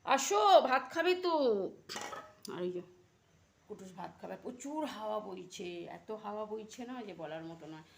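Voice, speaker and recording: Middle-aged woman, home vlogger, feverish and hoarse, gravelly, halting chatter, faint background noise. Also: mid-range voice, a little mellow. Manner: chatty, halting with many fillers. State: slightly feverish, throat going hoarse. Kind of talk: casual home vlog chat. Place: home kitchen.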